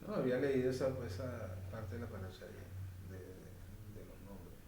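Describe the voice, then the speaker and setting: A man's voice: fairly low pitch, normal speed, mellow. A man joining a Torah study discussion, speaking hesitantly and repeating words as he searches for them. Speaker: study participant. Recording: echoey room with faint noise.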